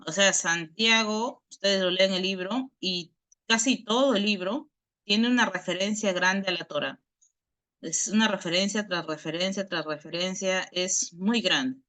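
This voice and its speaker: Teacher, explanatory Bible lesson, bright sharp tone, middle pitch, constant questioning "right?", repeats words while thinking, video call mic. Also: a little slow. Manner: explains patiently, tags nearly every phrase with a questioning "right?".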